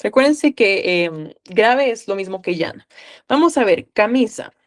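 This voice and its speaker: A woman's voice: mid-range voice, lively intonation, measured pace. Upbeat woman tutor coaxing students. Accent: Guatemalan. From Guatemala. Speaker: online tutor. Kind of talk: live online class.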